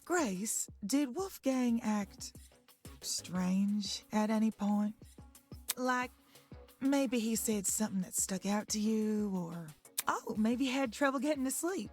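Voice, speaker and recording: A woman's voice: a little high, animated, slow, a little mellow, faint music behind. A woman voicing a prim, motherly young female student who asks careful, probing questions. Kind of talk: game voice acting.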